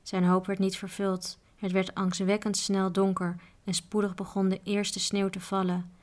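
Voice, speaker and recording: Female storyteller for a read-aloud book; calm, even, little pitch movement. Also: normal speed. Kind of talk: reading a children's book aloud.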